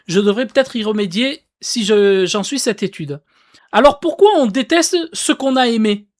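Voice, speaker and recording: Woman doing a chatty explainer vlog, kinda high voice, punchy emphasis, lots of "du coup". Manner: emphatic, animated with fillers like "du coup" and "bah"; addresses viewers directly and informally. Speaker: AI content creator. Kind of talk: casual explainer video.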